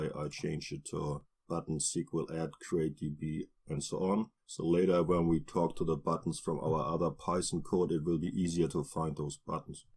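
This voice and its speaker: A man with a deep, slightly husky voice talks through a coding tutorial over his screen recording. He explains each step in a plain, unhurried way, stopping and restarting now and then. It sounds like a desktop mic voice-over. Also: a little mellow. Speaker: programming tutorial narrator.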